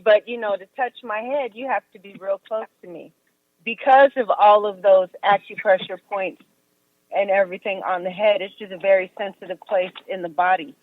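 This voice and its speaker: A woman who practises massage talks in a calm, explanatory way as an interview guest, calling in on speakerphone while she drives. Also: medium pitch, moderate pace, no echo. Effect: speakerphone call from a car. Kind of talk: casual interview chat. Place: driving in a car. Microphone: phone on speaker. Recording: tinny dry phone line.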